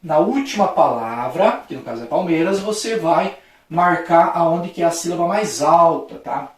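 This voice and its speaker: A Brazilian male teacher talks through a lesson in a very echoey room, his voice a little above average in pitch. He keeps checking in with the class after each point, in a friendly, patient way. He is heard from some distance off the mic. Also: expressive, moderate pace. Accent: Brazilian Portuguese. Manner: friendly, with frequent checking "tá?" tags; acts out a playful street-shouting example for stress. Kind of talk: recorded video lesson at a board.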